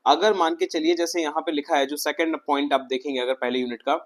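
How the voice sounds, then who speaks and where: A man's voice: fairly high pitch, steady tone, fairly quick. A man teaching an exam-prep lesson in a conversational way, talking straight to his students and asking them questions. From India.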